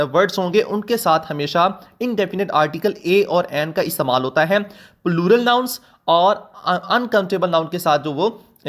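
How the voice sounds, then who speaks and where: High-voiced man teaching grammar slowly. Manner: methodical, repeats example sentences slowly. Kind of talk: recorded grammar lecture.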